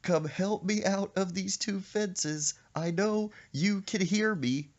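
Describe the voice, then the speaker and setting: A man voicing a panicked young boy stuck between two fences, whining and pleading in a high voice. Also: slow pace, dull audio. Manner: high pleading whine, yelling.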